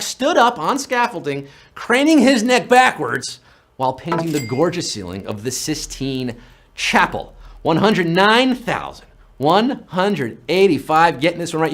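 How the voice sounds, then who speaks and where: A quiz show host runs a live trivia game, reading out questions and cracking playful jokes between answers. His voice is high-pitched and fairly bright, and he keeps up a fast, punning patter.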